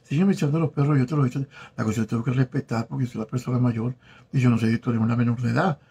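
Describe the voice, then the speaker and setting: A man in his forties, a former telenovela actor, chatting casually on a live stream, greeting viewers by name with warm, flirtatious charm. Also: mid-range voice, fairly even intonation, vocal fry, slightly rough. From Venezuela. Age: 40s. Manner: warm, flirtatious, reads viewer names aloud haltingly. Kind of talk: casual live-stream chat reading comments. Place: home in South Florida.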